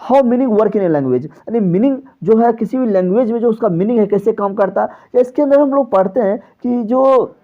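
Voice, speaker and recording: A male teacher talks through an exam-prep lecture, posing questions to the class and answering them himself. His voice sinks low at the close of each phrase. The recording is a little dull and lo-fi. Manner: repetitive, asks and answers his own questions; drops pitch on closing phrases.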